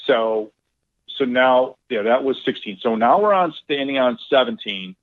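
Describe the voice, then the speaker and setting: A middle-aged man, a golf club owner, telling a lively casual story and acting out quoted dialogue, with some swearing. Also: medium pitch, unhurried. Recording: tinny phone-like line.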